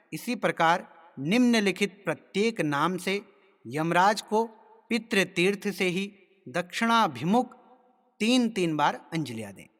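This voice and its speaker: A man giving a step-by-step ritual lesson, explaining rules in a measured way and chanting mantras slowly. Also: high voice, fairly bright tone. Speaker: ritual instructor. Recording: long reverb.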